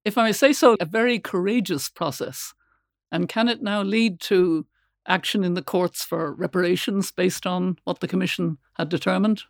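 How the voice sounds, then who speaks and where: A woman's voice: fairly low pitch, normal speed, no room sound. A woman co-hosting a podcast who speaks with a dry, wry humor, asking questions and reading the outro. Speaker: podcast co-host. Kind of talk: podcast chat and scripted outro.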